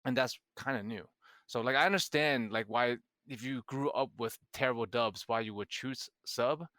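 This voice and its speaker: A man's voice: mid-range voice, normal speed, pushed and bright, dry recording. A young man from Hong Kong, a native Cantonese speaker, chatting casually and animatedly as a podcast co-host, swearing and restarting often. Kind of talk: casual chat.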